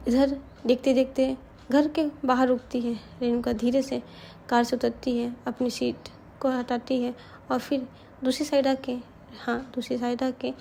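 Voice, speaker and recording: High, even-toned Hindi woman storyteller. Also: vocal fry, a little hiss or hum. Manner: hesitant, with restarts and asides. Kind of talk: dramatic story narration.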